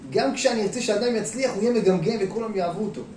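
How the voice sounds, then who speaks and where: Echoey man preaching a lively sermon. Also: high voice, a little hiss or hum. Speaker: rabbi. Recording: echoey room, mic at a distance.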